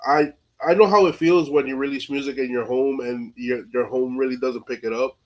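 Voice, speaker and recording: A podcast host with a mid-range, darkish voice speaks in a steady tone and a little fast, though the audio is poor. He runs an interview podcast in casual, slangy, informal speech, frequently dropping in "like" and "you know."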